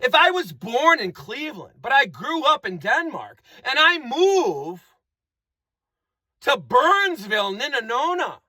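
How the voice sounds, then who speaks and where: A man with a high, lively voice rambles through a comic monologue, looping back on phrases and twisting words for fun. The delivery is bright and the recording is dry and close. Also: unhurried, no echo. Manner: rambling, repetitive, playful wordplay.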